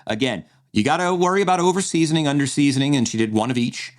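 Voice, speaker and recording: A man's voice: on the high side, animated, fast. A man co-hosting a podcast, chatting casually through a draft analysis with lots of restarts. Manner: rambling, many restarts and fillers. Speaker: podcast co-host.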